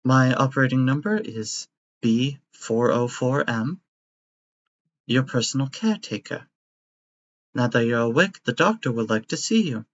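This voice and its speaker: A man voicing a sweet, motherly caretaker robot nurse in a tabletop game, talking high and chirpy with doting care. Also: expressive, measured pace, long pauses, no echo, close to an everyday voice. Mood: cheerful, doting. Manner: high, chirpy and over-attentive. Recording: dry, slightly muffled audio.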